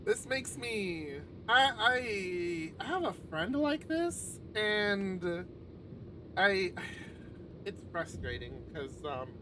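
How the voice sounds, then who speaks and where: On a livestream, a man reads a visual novel aloud and throws in casual, sweary commentary, his high voice very animated with drawn-out words. The stream is noisy, with clear background noise.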